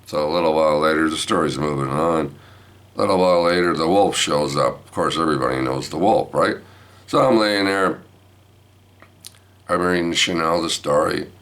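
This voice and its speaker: A man's voice: very deep voice, moderate pace, fairly bright tone. An older man telling a rambling family anecdote, repeating himself and asking "right?". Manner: repetitive, asks listeners "right?". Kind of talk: rambling storytelling.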